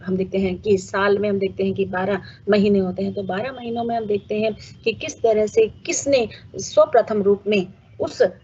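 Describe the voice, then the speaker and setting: Woman lecturing slowly, full of pauses. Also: medium pitch, steady tone, darkish tone. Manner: unhurried, filler-heavy explaining. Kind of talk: recorded lecture. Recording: slightly dull lo-fi audio with faint noise.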